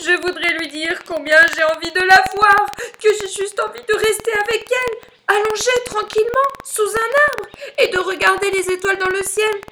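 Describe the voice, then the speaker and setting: A woman voicing a proud, hot-tempered but tender male lion in a storybook, shouting and wailing in high outbursts. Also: fairly even intonation, moderate pace, slight background noise, rough recording. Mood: anguished.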